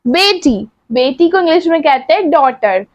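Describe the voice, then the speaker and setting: High-voiced woman teaching vocabulary. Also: expressive, lo-fi sound. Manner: asks a question then answers it, repeating each word slowly. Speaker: English teacher. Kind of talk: vocabulary lesson.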